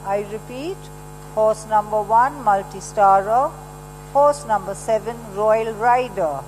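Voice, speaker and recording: A woman reading a formal announcement over a racecourse loudspeaker, measured and repeating each item slowly. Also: medium pitch. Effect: over a loudspeaker public address system. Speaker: racecourse public address announcer. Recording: loudspeaker echo in a big venue with faint mains hum.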